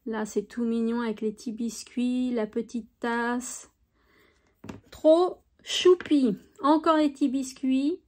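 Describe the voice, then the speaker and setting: A woman's voice: a little high, steady tone, slow pace, a little mellow. A woman chatting enthusiastically as she shows off craft supplies, with frequent fillers. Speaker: craft YouTuber. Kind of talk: casual product show-and-tell.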